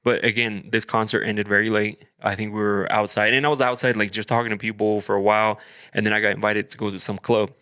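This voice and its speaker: A man's voice: fairly low pitch, flat delivery, quick pace, bright, forceful tone, clear, resonant tone, no room sound, studio quality. A man, a podcast co-host, telling a story in casual chat and acting out quotes in a raised voice.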